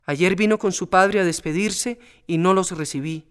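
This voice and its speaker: A man's voice: high-pitched, normal speed, clean tone, lightly acted. A man reading a storybook aloud and voicing a young widow torn by love, pleading and impassioned. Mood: resigned.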